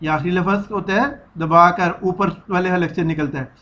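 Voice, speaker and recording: A man's voice: sits high, fairly even intonation, normal speed, sharp tone, lo-fi sound. A man with a Pakistani Urdu accent teaching children the alphabet, patiently repeating each sound for them to echo. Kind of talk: children's alphabet lesson, slow drilled repetition.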